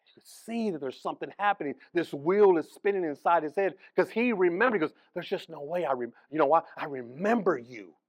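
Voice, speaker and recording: A man preaching as pastor, telling the story in an animated way, acting out the people in it and restarting phrases often. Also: fairly high pitch, fairly quick, no room sound. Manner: animated storytelling, acts out voices, frequent restarts. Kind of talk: sermon.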